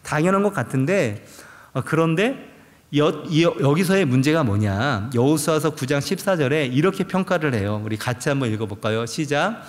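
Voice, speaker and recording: A man's voice: on the high side, lively intonation, moderate pace. A male pastor preaching a sermon, asking the congregation rhetorical questions and acting out quoted prayers. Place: large church sanctuary. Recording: long church hall reverb.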